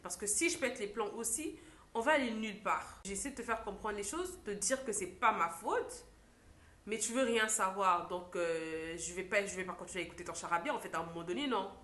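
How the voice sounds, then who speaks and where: A young woman, a makeup artist, telling a story in a lively vlog style and acting out what others said. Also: mid-range voice, fairly quick. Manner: animated storytelling, acts out quotes. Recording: echoey room.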